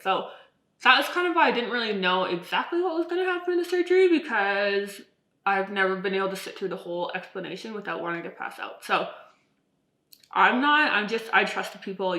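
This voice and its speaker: A woman's voice: medium pitch, bright, forceful tone. A woman in her twenties chatting casually and ramblingly to camera, with stiff-mouthed speech from swollen, numb lips like fresh lip filler. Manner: rambling, self-deprecating, frequent "like". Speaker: vlogger. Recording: echoey, roomy sound.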